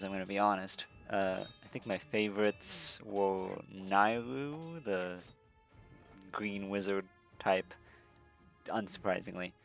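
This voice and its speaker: A man's voice: fairly low pitch, vocal fry. A man casually commenting on his own gameplay, rambling and correcting himself with lots of fillers. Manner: rambling, self-correcting, frequent fillers and restarts. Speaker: let's-play commentator.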